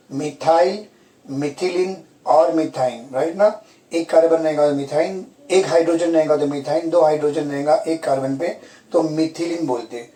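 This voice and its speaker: Male chemistry teacher, Hindi-English mix, mellow higher voice, roomy sound from a distance. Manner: asks students questions and repeats key terms. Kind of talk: classroom lecture. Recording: echoey room, from far off.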